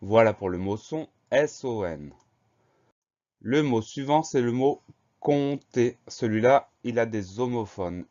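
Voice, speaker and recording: A man's voice: mid-range voice, unhurried, a little mellow, highs cut off. A man teaching a children's spelling lesson, patiently explaining words and spelling them out letter by letter.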